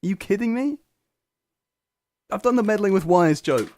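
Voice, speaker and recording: A man's voice: high voice, animated, moderate pace, a little mellow. A young man hosting a student radio show alone in a small studio, chatting in a rambling, self-mocking way, full of restarts. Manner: self-deprecating, scatterbrained, lots of restarts. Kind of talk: rambling solo radio chat. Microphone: studio microphone.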